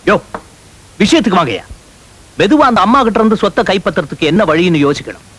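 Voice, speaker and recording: An actor playing a scheming corrupt estate manager who talks smoothly in a Tamil film. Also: male voice, high voice, sing-song, fast talker, fairly bright tone, full character voice.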